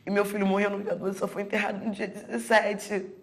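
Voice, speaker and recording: Gravelly young woman testifying. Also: mid-range voice, flat delivery, a little fast. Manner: recounting with repeated words and acted-out quotes. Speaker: interviewee. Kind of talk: personal testimony in a documentary.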